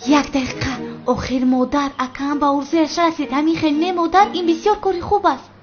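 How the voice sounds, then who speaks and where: Cheeky young daughter, a woman voices her, high pitch, lo-fi dub. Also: fairly even intonation, lightly acted. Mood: teasing. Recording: dull lo-fi with music.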